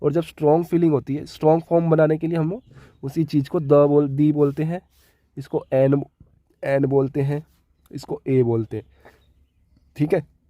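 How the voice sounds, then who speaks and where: The voice is a man's, on the high side and mellow, with fairly even intonation, normal speed and long pauses. He has a Hindi accent and teaches an English grammar lesson step by step, repeating key words and frequently checking in with "ठीक है". No room sound is audible.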